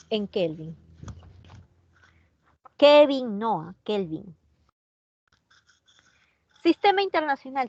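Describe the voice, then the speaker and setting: A woman's voice: on the high side, darkish tone, no room sound, highs cut off. A Peruvian woman with a Peruvian Spanish accent teaching an online chemistry class, chatty, often asking her students questions and answering their comments. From Peru.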